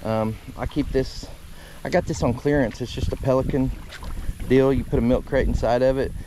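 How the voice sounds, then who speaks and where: A relaxed man with a drawl chats about his gear in a loose, rambling way, at an everyday mid pitch. He is out on a lake in his kayak, and plenty of outdoor noise sits under his voice. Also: moderate pace. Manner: laid-back, rambling, folksy. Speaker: kayak fishing vlogger. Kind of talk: casual outdoor gear talk. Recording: noisy outdoor audio.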